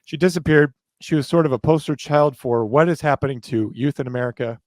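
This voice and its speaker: A man's voice: a little high, brisk, no echo. A man in his thirties co-hosting a true crime podcast, talking in a sarcastic, rambling, self-mocking way. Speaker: podcast co-host. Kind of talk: casual podcast chat.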